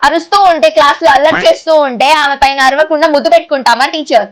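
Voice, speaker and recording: A woman playing a sharp-tongued schoolteacher who mocks and argues with her rival. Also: high-pitched, racing, lightly acted. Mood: scolding. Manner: sarcastic, mocking retorts. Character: sharp-tongued young female teacher, mocking rival. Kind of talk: comedy sketch acting.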